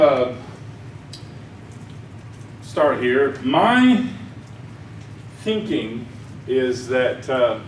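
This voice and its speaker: With a mid-range voice and a Southern accent, this Arkansas man rambles through a folksy sermon talk at a conference, laughing at his own jokes. Recorded in a conference hall, the audio is echoey, the mic is heard from afar, and there's slight background noise.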